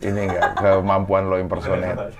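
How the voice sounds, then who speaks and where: A man hosting a casual chat, quick to laugh and prompting his guest with short encouraging replies. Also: low voice, completely flat delivery. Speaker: host.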